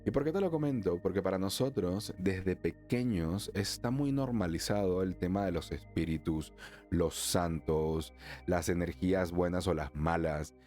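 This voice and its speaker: A man from Venezuela hosting a solo spiritual podcast, chatty, laughing often, slowing down for emphasis and then speeding up. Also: deep voice, darkish tone, faint music behind. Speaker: podcast host, emotional wellness therapist.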